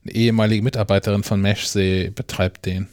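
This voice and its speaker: A co-host with a fairly low voice chats easily about tech. He hesitates and restarts his sentences often. His voice sounds dry and close. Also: level tone, fairly quick, darkish tone, no echo. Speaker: podcast co-host. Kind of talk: casual tech podcast chat.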